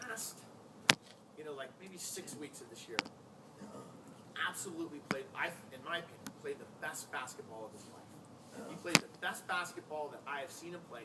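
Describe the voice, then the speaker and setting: Male American basketball coach, informal tribute speech, conversational and emphatic, slightly high pitch, picked up by a distant mic. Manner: conversational, anecdotal, emphatic repetition. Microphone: distant microphone. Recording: noisy, distant-miked live room recording.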